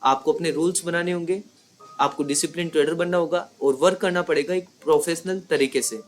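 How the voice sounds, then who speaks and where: A man with a slightly high voice gives a conversational lesson as a trading mentor. He drives his points home through repetition and quick rhetorical checks. Faint noise hums under the recording. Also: steady tone. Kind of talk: explanatory lesson.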